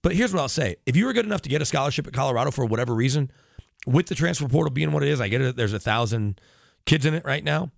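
Speaking very fast with an animated, mid-range voice and some vocal fry, this man chats about sports as a radio guest in a relaxed interview. His long explanations drift into side topics and self-corrections, captured in clean studio sound with no echo.

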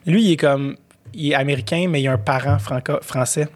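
A man's voice: fairly high pitch, brisk. A man with a Québécois French accent in casual podcast chat, rambling with many fillers and restarts.

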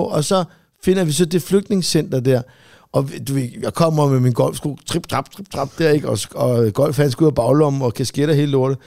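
A man's voice: a little high, vocal fry, mellow, dry recording, studio quality. A man telling a long story in casual chat, rambling, swearing freely and full of fillers. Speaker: podcast co-host.

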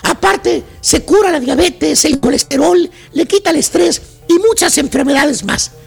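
Man doing a Mexican saleswoman, slow syrupy pitch, gravelly, cynical. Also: faint music behind, full character voice. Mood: smooth-talking. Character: cynical female pamphlet saleswoman at a mall.

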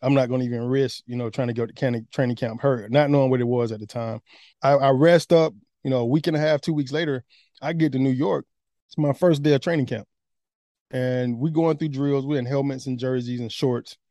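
A man telling a candid personal story in casual, animated conversation. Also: mid-range voice, fairly quick, no echo, clean studio sound. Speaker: guest.

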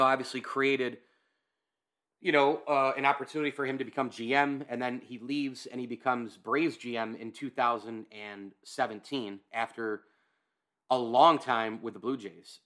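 A man's voice: mid-range voice, pushed and bright. A man hosting a sports podcast, giving casual solo commentary in a conversational way, repeating phrases and checking in with the listener. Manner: conversational, repeats phrases, asks "right?" for emphasis.

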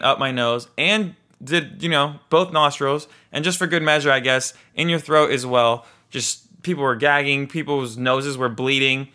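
Young adult male storyteller, smooth resonant voice, animated anecdote delivery. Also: medium pitch. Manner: animated, vivid retelling with voiced quotes. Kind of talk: casual personal storytelling.

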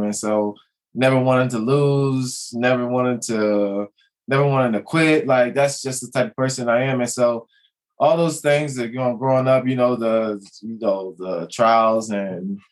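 Young adult man, former athlete guest, halting and full of fillers. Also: medium pitch. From Maryland, USA. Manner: halting, many restarts and fillers. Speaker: guest, former basketball player. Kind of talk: casual podcast chat.

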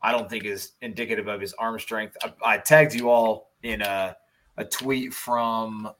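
A man's voice: on the low side, fairly even intonation, a little slow, fairly bright tone, a little hiss or hum, rough recording. A man with a Chicago accent co-hosting a casual sports podcast, rambling with restarts and fillers. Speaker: podcast co-host.

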